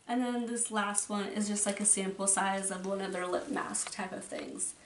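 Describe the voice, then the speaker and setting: A woman's voice: mid-range voice, fairly even intonation, normal speed. Chatty woman vlogging in a roomy bedroom. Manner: rambling, chatty, trails off and restarts. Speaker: beauty vlogger. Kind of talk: casual makeup declutter talk. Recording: roomy, from a distance, faint noise.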